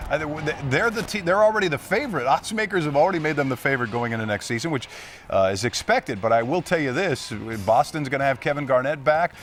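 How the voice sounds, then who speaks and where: A man's voice: a little high, lively intonation, quick pace, a bit bright. A man giving live parade commentary and casual sports analysis in a conversational, interjecting style. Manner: conversational, frequent restarts and interjections.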